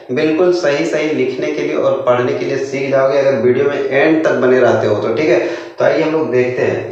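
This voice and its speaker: A man teaching a beginner lesson, slowly sounding out syllables and asking and answering his own questions. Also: on the high side. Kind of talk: Hindi literacy lesson. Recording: distant echoey lo-fi room sound.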